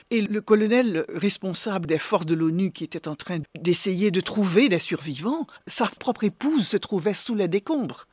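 A middle-aged woman in an interview, telling in a measured, grave way what she lived through. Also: lowish voice, breathy edge, dry recording. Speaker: interviewee recounting an earthquake. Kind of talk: interview testimony.

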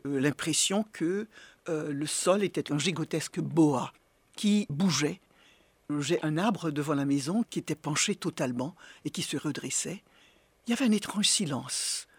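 A middle-aged woman speaks in an interview, her voice husky and a little breathy. She recounts her experience in a measured, grave manner. The recording is dry and close, with no room sound. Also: sits low, dry recording. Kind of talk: interview testimony.

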